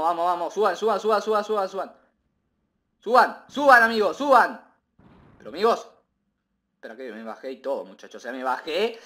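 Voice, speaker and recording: Excitable high-voiced man gaming. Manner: excitable, rambling, repeats himself, bursts into shouts. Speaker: gaming video creator. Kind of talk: live gameplay commentary.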